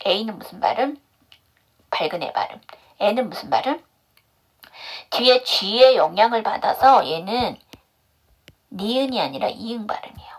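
A woman teaching English pronunciation in an online class, drilling step by step by asking questions and answering them herself. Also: medium pitch. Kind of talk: online phonics lesson.

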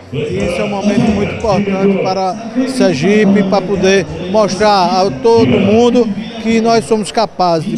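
A man giving an on-location interview as a public official. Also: high-pitched. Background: very loud music.

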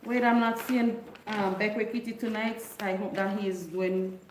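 A middle-aged Grenadian woman with a Grenadian Creole English accent hosts a casual livestream from her neon-lit living room, speaking into a desk microphone on a stand. Chatty, she retells a folk story and reads viewer comments at a moderate pace, her medium-pitched voice flat in delivery. The sound is reverberant with a little hiss or hum.

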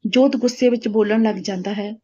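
A woman storyteller reading a story aloud, in a plain, steady way. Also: medium pitch, brisk, slight background noise. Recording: dull lo-fi recording.

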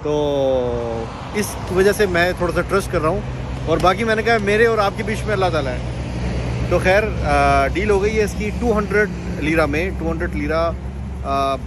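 Chatty man vlogging on a road trip. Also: on the high side. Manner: chatty, often repeats blessing phrases and fillers. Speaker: travel vlogger. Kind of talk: casual travel narration. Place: outdoors by a rural road and inside a moving car. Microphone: phone camera at arm's length. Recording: road and car noise behind.

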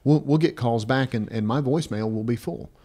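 Brisk and warm-toned, a mid-range male voice belongs to a man in his fifties who co-hosts an advice podcast. Working from a small indoor studio on a close podcast mic on a stand, he speaks with blunt emphasis, repeats phrases, and checks in with "right?"

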